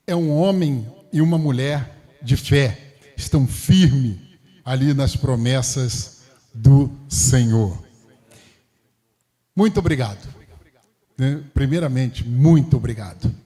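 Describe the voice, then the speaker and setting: A middle-aged Brazilian man from Rio de Janeiro preaches a church sermon as a guest pastor, including personal greetings. His medium-pitched, dark voice moves slowly with long pauses in a big-room sound, and his conversational style often adds short tags seeking agreement.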